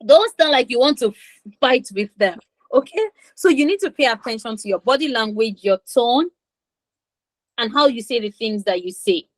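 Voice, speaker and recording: Woman, teen confidence coach, higher voice, emphatic and repetitive, dry sound. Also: lively intonation, moderate pace, no echo. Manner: repeats for emphasis, acts out kids' voices. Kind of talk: online class teaching.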